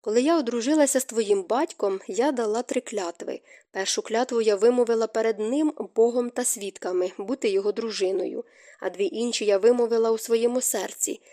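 A woman voicing a gentle, remorseful middle-aged stepmother who speaks softly and tearfully. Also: fairly high pitch, a little fast, close to an everyday voice. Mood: sorrowful. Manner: soft, hushed, tearful delivery.

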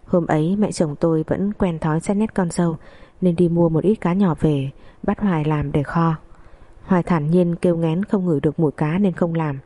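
A woman narrating a family drama in the first person, in a steady, gossipy storytelling manner. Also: on the low side, normal speed.

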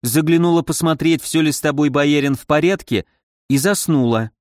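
A man's voice: fairly high pitch, normal speed, darkish tone, no room sound, clean studio sound, close to an everyday voice. A man voicing a pert, teasing young woman who serves as a maid. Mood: cheeky. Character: cheeky young woman, a twin servant.

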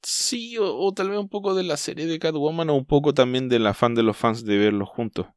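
A Chilean man hosting a podcast in casual chat, talking thoughtfully and often pausing to restart his sentences. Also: fairly high pitch, no echo, studio quality. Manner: thoughtful, hesitant, trails off and restarts mid-thought. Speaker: podcast host.

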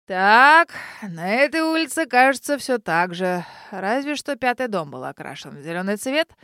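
A woman reading an audiobook, voicing a lively, bossy old witch grandmother who talks loudly and brashly. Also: medium pitch, moderate pace, smooth, no room sound, clean studio sound. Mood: brash, merry. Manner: loud, laughing and brash. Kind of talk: audiobook character voice.

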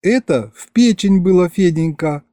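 A man's voice: high-pitched, lively intonation, moderate pace, dark tone, dry recording, studio quality, pitched above the performer's own voice. A man voicing an affectionate, teasing young peasant wife who talks in a folksy, coaxing way.

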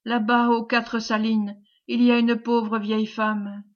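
A woman reading the lines of a gentle young fisherman, soft and quiet, on a dull lo-fi recording. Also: on the high side, little pitch movement, a little slow, close to an everyday voice. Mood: tender. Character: gentle young male fisherman, calm before death.

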